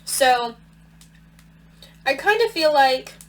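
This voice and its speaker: A woman's voice: high voice, animated, slow, slight background noise, low-quality recording. A woman giving a casual tarot reading to her viewers, thinking aloud with plenty of fillers while talking around a cough drop. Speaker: tarot reader.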